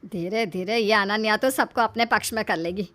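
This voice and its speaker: A woman voicing a spiteful, scheming middle-aged mother-in-law in a cartoon story, with a sharp, scolding manner. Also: medium pitch, normal speed, close to an everyday voice. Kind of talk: cartoon voice acting.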